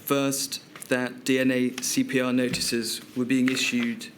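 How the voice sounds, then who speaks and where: British lawyer type asking questions, flat even delivery, slow and careful, faint hiss. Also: male voice, medium pitch. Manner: measured, deliberate. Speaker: inquiry counsel. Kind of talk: formal questioning.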